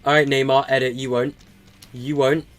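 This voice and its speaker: Faint music plays as an eighteen-year-old game streamer chats live with his viewers, his medium-pitched voice level in tone and moderate in pace. He rambles through his answers with lots of fillers and stutters.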